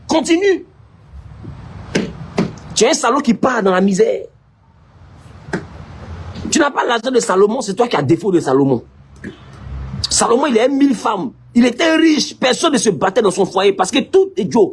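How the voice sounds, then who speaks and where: A male pastor with an Ivorian French accent, preaching a lively sermon and teasingly scolding his listeners. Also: high-pitched, a little hiss or hum.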